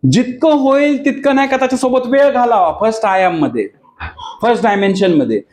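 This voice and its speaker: A man with a Marathi accent preaches in a high voice. He teaches with animated emphasis, switching into English phrases. He keeps asking his listeners whether they follow him. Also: rough recording. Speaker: pastor. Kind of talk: sermon.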